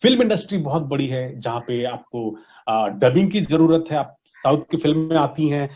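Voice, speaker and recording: His voice is a little high with lively intonation and a moderate pace. He's an Indian-accented interview guest and voice industry expert whose answers are explanatory and didactic, mixing in English with frequent teacher-like check-in tags. Dull, lo-fi audio.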